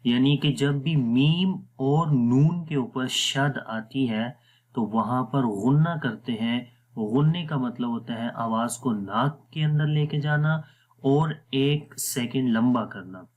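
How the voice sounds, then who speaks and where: Unhurried male Quran tutor with a Pakistani Urdu accent, mid-pitched, patient and methodical, stretching words to show the rules. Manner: patient, repeats words slowly to demonstrate. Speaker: Quran recitation teacher. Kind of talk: slow explanatory lesson.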